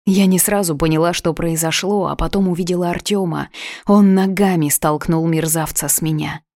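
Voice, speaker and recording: Low-voiced woman reading an audiobook. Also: a little mellow, no room sound, clean studio sound. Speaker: audiobook narrator. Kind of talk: first-person audiobook narration.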